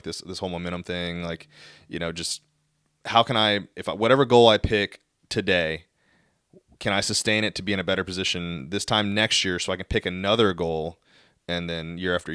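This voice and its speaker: A man's voice: low-pitched, fairly quick, a bit bright, clean tone, no room sound, studio quality. A man co-hosting a podcast, talking earnestly and rambling through his thoughts. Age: 30s. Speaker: podcast co-host, golf fitness coach. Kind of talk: casual podcast chat.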